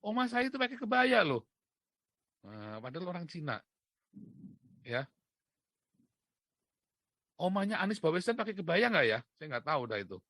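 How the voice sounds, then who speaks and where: A man's voice: high voice, sing-song, moderate pace, pauses often, sharp tone, dry recording. A man from Indonesia hosting a casual commentary monologue, talking in an emphatic, mocking way and laughing often. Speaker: commentator host.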